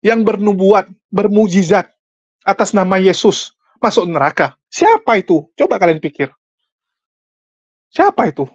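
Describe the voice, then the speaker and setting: A man's voice: high-pitched, expressive, measured pace, pauses often, no room sound. A man giving argumentative online commentary on a religious dispute, talking straight to his audience and pressing them with rhetorical questions. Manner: combative, fires rhetorical questions at listeners; addresses the audience directly and repeatedly. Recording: dull lo-fi, dry close sound.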